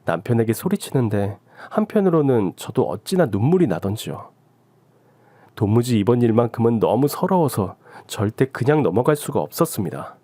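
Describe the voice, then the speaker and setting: A man's voice: medium pitch, warm tone, dry recording. A man narrating a first-person story for a radio drama channel.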